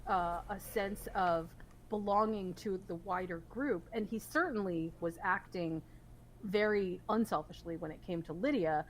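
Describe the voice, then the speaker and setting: A woman at a medium pitch co-hosting a casual podcast about a TV series. She works through her points in an animated, analytical way and keeps restarting her sentences. Faint noise hums under the recording. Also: unhurried, poor audio. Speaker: podcast co-host. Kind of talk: casual TV recap chat.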